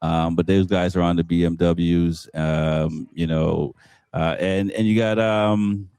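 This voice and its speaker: A man hosting a casual motorcycle-racing panel chat, talking haltingly with lots of fillers and restarts. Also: low voice, steady tone, dark tone, clear, resonant tone, no room sound. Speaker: podcast host.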